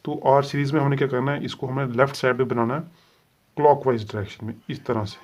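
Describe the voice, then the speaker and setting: A man's voice: mid-range voice, darkish tone. A man teaching a shorthand lesson step by step, patiently sounding out letters and repeating set phrases. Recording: dull lo-fi sound.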